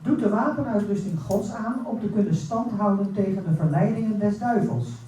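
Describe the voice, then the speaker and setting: A woman's voice: medium pitch, moderate pace, dark tone. A woman interpreting a sermon phrase by phrase, heard from a distance in a cathedral-like echo. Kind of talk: consecutive interpreting in short phrases. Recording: echoing cathedral-like hall, distant mic, faint noise.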